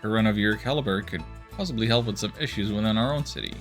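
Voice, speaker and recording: Brief: a man playing a courtly game-world mayor, silky and low, faint game music behind. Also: fast talker, fairly bright tone. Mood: charming. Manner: genteel, courtly and theatrical. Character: smooth, flattering male city mayor.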